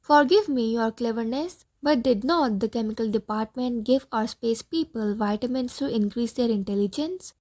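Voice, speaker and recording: A woman's voice: on the high side, normal speed, hardly any pauses, a little mellow, close to an everyday voice. A woman reading the part of a fussy, deferential Martian assistant in an audiobook play.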